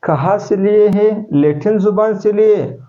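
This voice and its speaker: A man's voice: high voice, a little slow. A male teacher, giving a classroom lecture step by step and asking his students questions as he goes. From Pakistan. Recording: dull lo-fi classroom recording.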